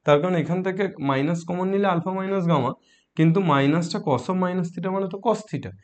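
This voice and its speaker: A man with a sore throat teaching a math lesson softly, coaxing students with questions as he works problems. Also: sits high, moderate pace. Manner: coaxing, asks students questions, mixes English math terms.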